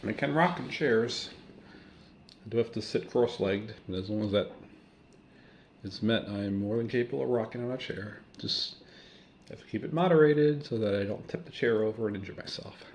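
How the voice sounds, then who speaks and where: Loud background noise accompanies a male vlogger who walks through his daily routine at home in the kitchen, step by step and matter-of-fact. He speaks at a moderate pace, fairly low-pitched, with vocal fry.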